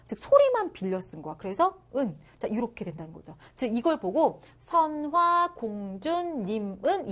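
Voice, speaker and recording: A woman teacher giving an online lesson to middle schoolers, with a fairly high voice that rises and falls a lot. She explains each point step by step and keeps checking that the students are with her. She sounds encouraging toward them.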